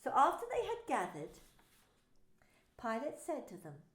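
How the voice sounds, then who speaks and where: A woman's voice: high voice, huge pitch swings, a little slow, a bit bright. A woman minister narrating a dramatised scripture story, telling it expressively. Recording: roomy echo.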